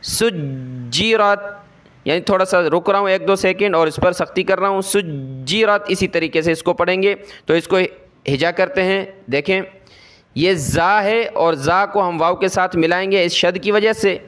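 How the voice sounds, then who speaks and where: A man with a Pakistani Urdu accent giving a Quran reading lesson, explaining quickly and then drawing out each letter sound slowly. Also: high voice, steady tone, fairly bright tone. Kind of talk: spoken lesson, spelling out Arabic letters.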